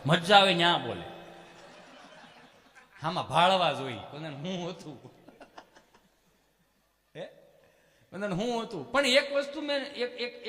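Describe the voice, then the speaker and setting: Kathiyawadi male stage comic, high ringing voice, animated delivery with loud calls, live hall reverb. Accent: Kathiyawadi Gujarati. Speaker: stage comedian. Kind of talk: live folk humor storytelling.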